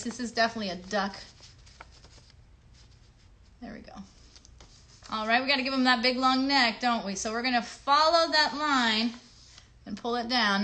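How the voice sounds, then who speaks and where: On a craft livestream aimed at children, a woman with a sharp, somewhat high voice walks through the project in plain, kid-friendly words. She's talkative and supportive, frequently turning to her young viewers with questions.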